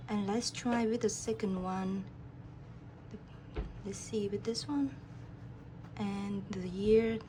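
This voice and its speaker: Slow, calm woman demoing software. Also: medium pitch, slight background noise. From Vietnam. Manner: calm, guiding the viewer step by step. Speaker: program applicant demoing her task. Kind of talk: screen-recorded software demo.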